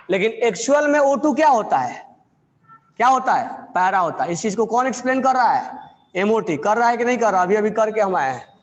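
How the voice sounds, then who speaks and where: A high-voiced man teaches chemistry, dictating slowly and repeating each phrase. He checks on his students with quick questions as he goes. His voice rings with a long reverb in the classroom. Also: dull audio. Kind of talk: classroom lecture dictating notes.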